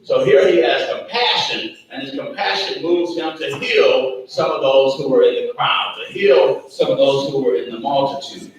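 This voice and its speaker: A man's voice: medium pitch, normal speed, few pauses. A man as pastor, preaching a sermon with a folksy manner, often saying "Amen" and chuckling between points. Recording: echoey church room from far off, faint background noise.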